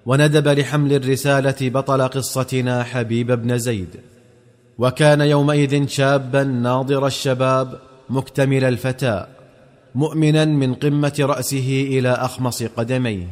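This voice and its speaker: A man's voice: medium pitch, big-room sound. A man narrating a historical story in a solemn, formal classical style.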